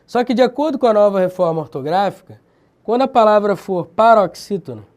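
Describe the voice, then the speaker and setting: A man with a Brazilian accent teaching grammar in a video lesson, lively and slangy, drilling example words with emphasis. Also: sits high, fairly quick. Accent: Brazilian Portuguese.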